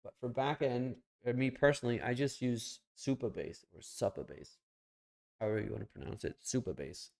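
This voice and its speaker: A young man talks casually on a live stream, blunt and a little profane. He thinks out loud as he clicks around, with an ordinary mid-range voice. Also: mid-range voice, expressive, a little fast, creaky, hardly any pauses.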